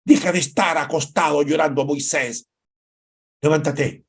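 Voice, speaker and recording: A male preacher doing the voice of God, husky and commanding, raised somewhat in pitch. The tone is firm and direct. It sounds like an order that expects to be obeyed. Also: fairly even intonation, a little slow, exaggerated voice. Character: God commanding a grieving man to rise.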